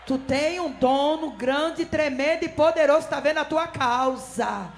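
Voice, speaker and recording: A woman preaching a fervent Pentecostal sermon, swinging between shouting and hushed tones and breaking into speaking in tongues. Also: high-pitched, a little slow.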